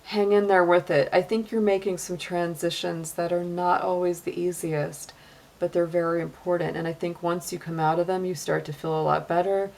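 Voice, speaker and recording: A woman's voice: fairly low pitch, creaky. A middle-aged woman giving a casual tarot reading, chatty, with frequent laughs and many "you know" and "like" fillers. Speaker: tarot reader.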